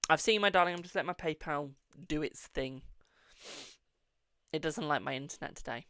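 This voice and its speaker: An English tarot reader with a posh-sounding accent hosts a live stream, reading cards and chatting casually while swearing freely and calling viewers "my darling". Her voice is mid-range, a bit bright, clear, and resonant, at a moderate pace. The sound is studio quality with no echo.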